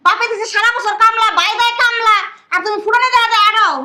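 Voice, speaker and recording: A woman playing an older mother who scolds her lazy son in rapid dialect. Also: very high-pitched, fairly even intonation, sharp tone, heavily acted. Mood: scolding. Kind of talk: family drama acting.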